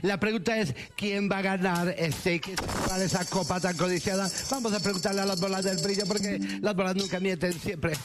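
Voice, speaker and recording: A man's voice: high voice, a little fast, hardly any pauses, over music. A man co-hosting a comedy radio segment as a mock fortune teller, with crude jokes. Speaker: radio co-host. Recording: noise behind the voice.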